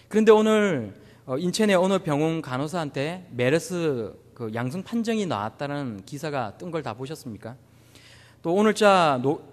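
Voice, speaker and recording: A pastor from Busan with a Gyeongsang accent, preaching a sermon with humorous, anecdotal storytelling. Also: male voice, a little high, in a large hall. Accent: Gyeongsang Korean.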